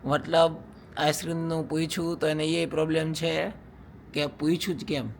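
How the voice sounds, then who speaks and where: Teasing young husband vlogging at home. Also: male voice, on the high side, level tone, normal speed, gravelly, slight background noise. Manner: teasing, playful, laughs often. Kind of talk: casual vlog chat to viewers.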